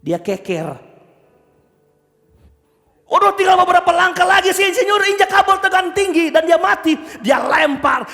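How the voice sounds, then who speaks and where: A man preaching a sermon, acting out the characters in his stories with loud, animated shouts and asking the congregation questions. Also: very high-pitched, normal speed, long pauses, soft background music. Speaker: pastor. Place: church. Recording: church hall reverb.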